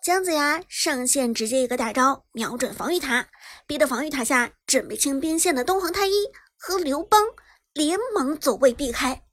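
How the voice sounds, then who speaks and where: A woman narrating a web novel chapter in brisk storytelling style, lifting her voice on the action. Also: high voice, expressive, a bit bright. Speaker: audiobook narrator. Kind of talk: scripted narration.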